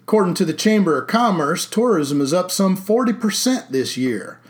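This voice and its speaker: A man's voice: high voice, expressive, normal speed, voice pushed up. A man voicing a sixty-three-year-old small-town sheriff who speaks in a folksy, wry drawl. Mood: forceful.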